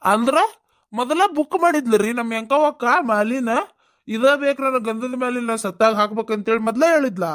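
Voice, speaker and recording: A woman's voice: a little high, normal speed, close to an everyday voice. A woman voicing a tipsy, sentimental male village headman in a cartoon, with a North Karnataka accent and a drawling, pleading way of talking. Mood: indignant.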